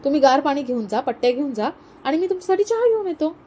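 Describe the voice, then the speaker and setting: A woman voicing a caring young husband who speaks gently and teases a little, in a mellow voice. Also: high-pitched, sing-song, quick pace, a little hiss or hum, voice pushed up. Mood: gentle.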